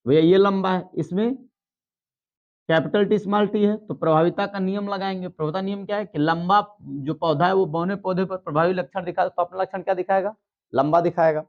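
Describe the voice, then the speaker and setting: High-voiced male biology teacher, lo-fi. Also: steady tone, a little fast. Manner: explains step by step, checks in with students. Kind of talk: blackboard lesson.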